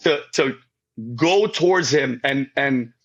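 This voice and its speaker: A man's voice: mid-range voice, lively intonation, slow, highs cut off. A man giving an emotional faith testimony as a podcast guest, rambling and repeating himself, often calling the host by name.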